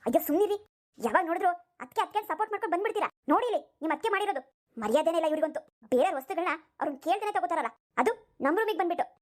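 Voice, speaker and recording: A woman's voice: very high-pitched, lively intonation, rapid-fire. A woman voicing a vain, quarrelsome young daughter-in-law in a cartoon. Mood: indignant. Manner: accusing, indignant. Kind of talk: cartoon voice acting.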